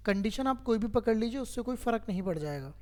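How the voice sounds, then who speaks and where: A man's voice: high-pitched, expressive, fast talker, warm tone. A man teaching a math lesson to a class, who keeps quizzing his students and patiently repeats each step.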